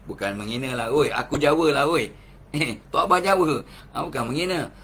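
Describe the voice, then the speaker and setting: A man's voice: mid-range voice, moderate pace, a bit bright, a little hiss or hum. An older man with a Malaysian Malay accent, giving a religious motivational lecture full of rhetorical questions and chuckles. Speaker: motivational speaker.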